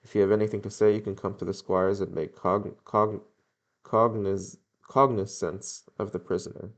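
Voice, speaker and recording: A man's voice: lowish voice, little pitch movement, normal speed, close to an everyday voice. A man voicing an officious small-town male constable with stiff rural speech.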